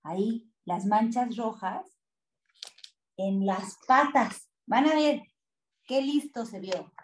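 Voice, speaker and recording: A woman with a Mexican accent reading a picture book aloud to children, expressive and asking them questions. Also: on the high side, takes it slowly, a little hiss or hum. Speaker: children's storyteller. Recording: echoey room.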